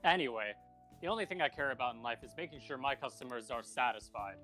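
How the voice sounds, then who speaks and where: A man's voice: medium pitch, fast, sharp tone, faint music behind, natural voice. A man as a dry, weary cafe owner. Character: middle-aged male cafe owner, dry and guarded. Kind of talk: fan comedy dub.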